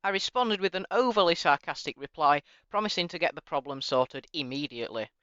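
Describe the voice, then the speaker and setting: A man hosting his channel, narrating in a mock-polite, sarcastic, deadpan way and reading emails aloud. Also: on the high side, fairly quick, clear, resonant tone, dry recording, muffled recording.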